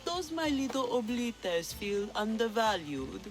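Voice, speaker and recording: An actress voices a sly, imperious pirate queen of mature years who loves treasure, in a video game cutscene. Her slightly high, sing-song voice is unhurried, languid and theatrical, teasing yet commanding, with faint music behind.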